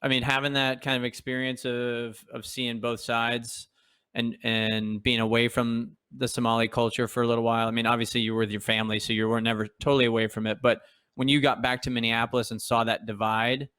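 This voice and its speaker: A man co-hosting a podcast, asking the guest questions in a halting way with frequent restarts. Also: mid-range voice, flat delivery, fairly bright tone, smooth, dry recording. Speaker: podcast co-host. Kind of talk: interview questions.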